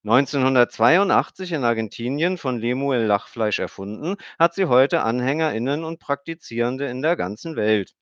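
A man's voice: mid-range voice, lively intonation, moderate pace, hardly any pauses, dry recording, pitched above the performer's own voice, lightly acted. A blunt, know-it-all little girl from a storybook who rattles off facts in a matter-of-fact, lecturing way, as a male narrator puts her on. Her voice sits well above his own. The recording is dry and a little dull. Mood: reciting.

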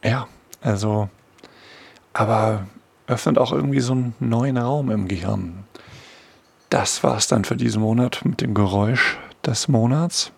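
A man's voice: medium pitch, measured pace, gravelly, husky, dry recording. A middle-aged man presenting an informal explanatory monologue, musing and wry, with hesitant asides. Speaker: host of a monthly sound feature.

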